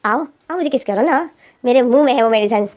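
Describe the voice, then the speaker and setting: A woman's voice: on the high side, a little fast, a little mellow, natural voice. A woman voicing a playful, teasing young man in a storytelling narration.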